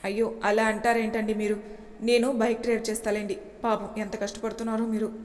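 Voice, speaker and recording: A woman's voice: on the high side, little pitch movement, brisk, darkish tone, lightly acted. Woman voicing an anxious young man, echoey. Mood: eager. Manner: worried, earnest inner musing. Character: young man, anxious and longing office worker. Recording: long reverb echo.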